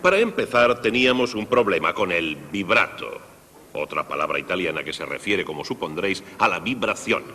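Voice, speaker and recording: A man presenting a concert for young people, explaining music to children in a lively, direct way, dubbed in Spanish. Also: low voice, normal speed, in a large hall, slight background noise. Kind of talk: Spanish dub of a televised music lesson.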